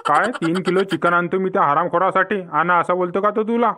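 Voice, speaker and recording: A man's voice: high voice, steady tone, a little fast, pushed and bright. A man voicing a scheming older village father-in-law in a cartoon comedy, with a rural Vidarbha Marathi accent and a sly, coaxing manner. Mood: angry.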